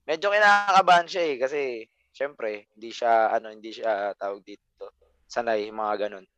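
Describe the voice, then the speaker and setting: A man's voice: medium pitch, moderate pace, a bit bright, smooth, dry recording, muffled recording. A man tells family stories in an easy, self-deprecating way. His voice is recorded dry and close, with no room sound. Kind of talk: casual storytelling.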